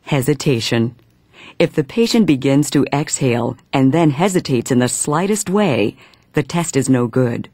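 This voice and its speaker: A man's voice: medium pitch, animated, a little mellow, no echo. Man narrating instructions in dry studio sound. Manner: measured, step-by-step.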